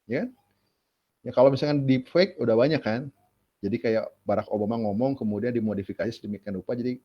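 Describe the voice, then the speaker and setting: A male lecturer, giving a casual, chatty classroom lecture and asking rhetorical questions as he explains. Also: on the low side. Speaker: university lecturer. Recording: dull lo-fi classroom recording.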